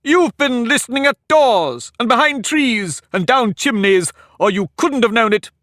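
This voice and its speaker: A man's voice: high-pitched, big pitch swings, measured pace, a bit bright, no echo, studio quality, pitched above the performer's own voice, exaggerated voice. A man voicing a pompous, touchy talking egg in a storybook reading, boastful and argumentative. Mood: indignant. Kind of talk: audiobook character reading.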